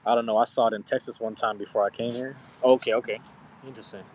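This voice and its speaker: A man in his thirties streams live, chatting casually with viewers in a slangy, profane, rambling way. His mid-range voice runs fast with fairly even intonation.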